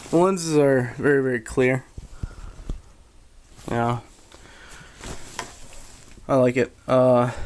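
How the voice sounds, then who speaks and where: Filmed on a handheld camera with constant background noise, a man who collects military surplus talks through a gear review. His delivery is unscripted and relaxed, halting and broken up by many pauses.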